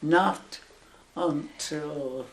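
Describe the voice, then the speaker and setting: A nun from Northern Ireland, now over a hundred, slowly recounts her life for an oral history interview, pausing often and laughing softly. Her voice is deep, and the low-quality recording carries noticeable reverb.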